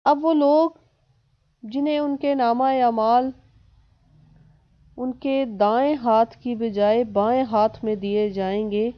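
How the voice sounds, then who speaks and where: A woman teaching a lesson, reciting verses and then translating and explaining them slowly. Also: a little high, steady tone, highs cut off. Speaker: Quran teacher.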